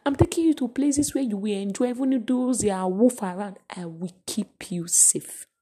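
A woman voicing God in a sermon, speaking softly and coaxingly, often dropping to a whisper. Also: on the high side, a little fast, husky, voice pushed up. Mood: gentle coaxing. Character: God, a gentle patient male voice.

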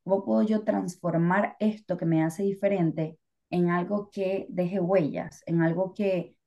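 A woman's voice: fairly low pitch, steady tone, unhurried, warm tone, dull audio. A Venezuelan woman co-hosting a podcast, talking in a chatty, reflective way with lots of fillers. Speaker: podcast co-host. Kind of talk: casual podcast chat.

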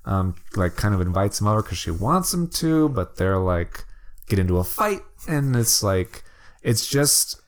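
A man's voice: on the low side, big pitch swings, unhurried. A man co-hosting a casual movie chat, rambling and enthusiastic, laughing often. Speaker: podcast co-host.

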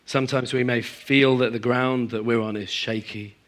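A man preaching a sermon to a congregation, moving between emphatic high passages and quiet, low stretches. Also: normal speed. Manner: animated, swings from emphatic highs to quiet low asides. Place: church hall in front of a congregation.

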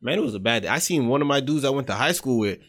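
A man's voice: medium pitch, lively intonation, racing, a bit bright. A man in his twenties co-hosting a podcast, telling stories in a loose, rambling way and swearing casually. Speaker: podcast co-host.

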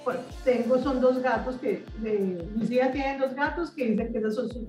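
A woman's voice: fairly high pitch, normal speed, dark tone, roomy sound, recorded from a distance, soft background music, poor audio. A woman in her fifties from Colombia, a guest author speaking eagerly in a radio interview, often repeating words as she searches for them. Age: 50s.

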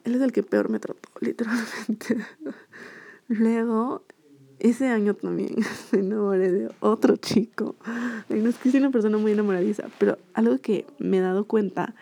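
A woman's voice: mid-range voice, creaky, mellow. A young woman telling a personal story to her viewers in a casual, rambling way, full of fillers. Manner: chatty, rambling, lots of fillers. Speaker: vlogger.

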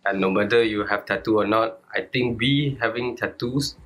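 A man's voice: on the low side, moderate pace. A man chatting as a podcast guest in colloquial Singlish-style with clipped grammar and 'lah'. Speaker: guest tattoo artist. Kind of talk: casual podcast chat.

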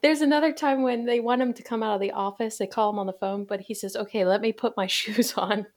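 A woman's voice: a little high, fairly even intonation, quick pace, a little mellow. A woman hosting a casual podcast in a chatty, jokey way, recorded inside a closet. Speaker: podcast host.

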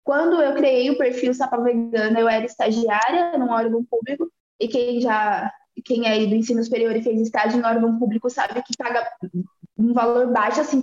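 A woman's voice: fairly high pitch, darkish tone, echoey room, muffled recording. A woman in her twenties from Bahia with a Bahian accent, chatting casually and laughing easily as a podcast guest. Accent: Bahian Portuguese. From Bahia, Brazil. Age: 20s. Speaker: guest, activist. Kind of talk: casual interview talk.

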